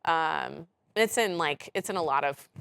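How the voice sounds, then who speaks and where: Direct, animated woman podcast host. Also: sits low, a little slow, gravelly, smooth. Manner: direct, animated, swears freely, laughs often; frequent "like" and "right?" fillers. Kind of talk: casual podcast conversation.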